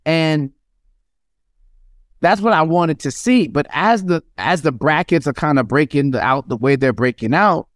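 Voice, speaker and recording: A man's voice: fairly high pitch, lively intonation, dry recording, studio quality. A man hosting a sports podcast who asks questions in a friendly, casual way with frequent fillers and restarts. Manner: friendly interviewer, halting with fillers. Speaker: podcast host.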